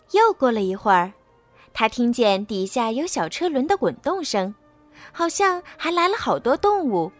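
A woman tells a children's story in an expressive, storybook way. Her voice is high and moves up and down a lot, with faint music playing underneath. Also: no room sound. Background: soft background music.

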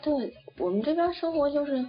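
A woman's voice: high-pitched, expressive, a little fast. A young woman from China chatting casually and rambling, with many fillers and restarts. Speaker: interviewee. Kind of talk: casual chat. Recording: dull lo-fi audio with faint music.

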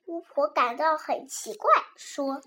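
选角：女声儿童故事讲述者，声音高亮，语速慢。. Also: female voice, high voice, unhurried. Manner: animated, expressive reading. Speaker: children's storyteller. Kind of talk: children's storybook reading.

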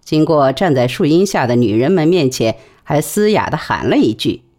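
A woman narrating a novel in an expressive storytelling manner. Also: sits low, moderate pace. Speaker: audiobook narrator. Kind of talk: novel reading.

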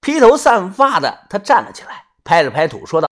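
A man narrating an audiobook story in a colloquial, lively way. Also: high-pitched, brisk. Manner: lively, colloquial, filler particles.

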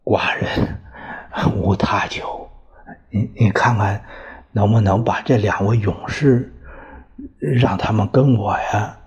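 A man's voice: fairly low pitch, steady tone, slow, long pauses, a little mellow, slightly rough, exaggerated voice. A man voicing a hearty, commanding ancient duke who laughs and coaxes, in a told story. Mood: coaxing. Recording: dull lo-fi recording.

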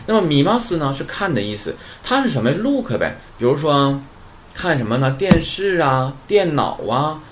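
A native Chinese-speaking man teaches a Japanese grammar lesson in Chinese, quoting Japanese words and sentences and often checking with his students using "对吧" and "哎". His voice is on the high side, very animated, at normal speed, with slight background noise.

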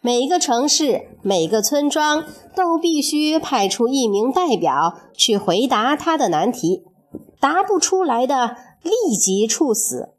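A woman narrating a children's story in an expressive, measured storytelling manner. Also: sits high.

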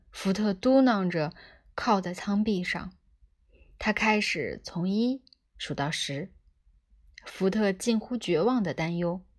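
A woman narrating a comic science fiction audiobook in a measured storytelling manner. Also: mid-range voice. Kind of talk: scripted narration.

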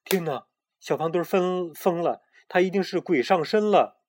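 一个男人给一只爱大惊小怪的小绵羊配音，说话絮叨又一惊一乍。. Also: male voice, medium pitch, very animated, brisk, fairly bright tone, slight background noise. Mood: alarmed. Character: little lamb, nervous gossip.

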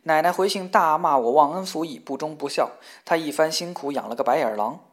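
A man reading a personal letter aloud in a measured, reflective way that grows heated when recounting arguments. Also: on the high side. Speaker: reader.

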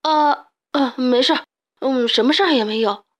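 A woman voicing a stubborn, frightened young chick boy who shouts in a high, panicky voice. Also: normal speed, lightly acted.

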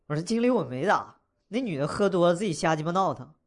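A man's voice: high-pitched, animated, fast talker. Wisecracking man with a twang. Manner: slangy, wisecracking, chuckles through the story. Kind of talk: casual comic storytelling.

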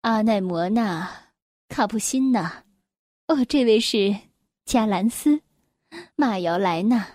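A woman voicing a grieving, gentle middle-aged queen in a children's story, speaking softly and slowly with a sorrowful delivery. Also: medium pitch, expressive, dry recording.

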